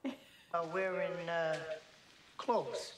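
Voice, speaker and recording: A man's voice: high voice, drawn-out words, roomy sound. An actor playing a young male defense lawyer who hesitates and stammers under pressure. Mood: flustered. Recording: film clip with crowd murmur.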